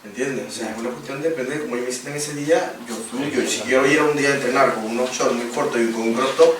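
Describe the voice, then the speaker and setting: Animated male panelist, very echoey room. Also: medium pitch, fast talker, crowd noise. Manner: lively, animated storytelling with laughter. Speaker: panel guest, athlete. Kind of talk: round-table discussion. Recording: echoey room, distant mic, noisy.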